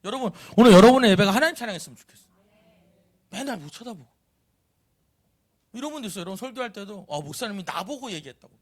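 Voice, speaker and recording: A man delivers a sermon in a church with real animation, slipping into quoted voices and teasing remarks. His voice sits high for a man and swings widely in pitch. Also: expressive, fast talker, long pauses. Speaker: pastor. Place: church sanctuary.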